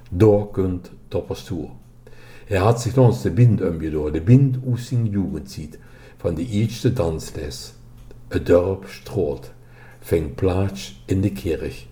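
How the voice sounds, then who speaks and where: A man reading a village story aloud in a slow, measured storytelling manner. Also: sits low, dark tone. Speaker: narrator.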